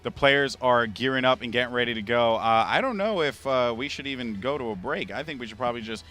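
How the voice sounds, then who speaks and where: A man doing live esports play-by-play, excitable and full of fillers and restarts. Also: mid-range voice, quick pace. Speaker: esports caster. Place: live event venue.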